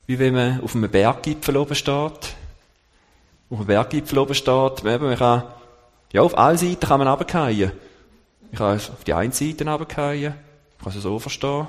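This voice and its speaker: Male lay preacher, halting delivery, slows on quotes; long hall reverb. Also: mid-range voice. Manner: halting, searching for words, slowing on scripture quotes. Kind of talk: sermon.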